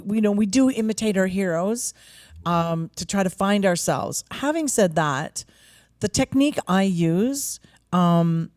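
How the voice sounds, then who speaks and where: A woman's voice: fairly low pitch, darkish tone, no echo, studio quality. A woman songwriter and vocal coach in a casual conversation, earnest and thinking aloud with many likes.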